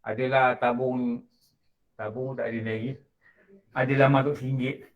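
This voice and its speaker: A man's voice: mid-range voice, level tone, unhurried, highs cut off. A Malaysian man teaching a morning lecture in a prayer hall, telling stories in casual speech and acting out the dialogue. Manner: colloquial storytelling, acts out dialogue. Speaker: religious teacher. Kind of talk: mosque lecture.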